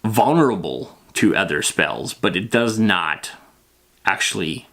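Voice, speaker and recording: Speaking a little slowly, the host of a tabletop roleplaying lore show offers a casual, loosely improvised fantasy-gaming explainer in a rambling, plain-spoken, matter-of-fact manner. His voice is on the low side, expressive, and a bit bright.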